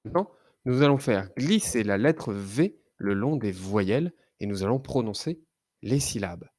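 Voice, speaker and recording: A man teaching a child to read, sounding out letters and syllables slowly and carefully. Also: lowish voice, lively intonation, darkish tone, dry recording, studio quality. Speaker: reading teacher. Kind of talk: children's phonics lesson.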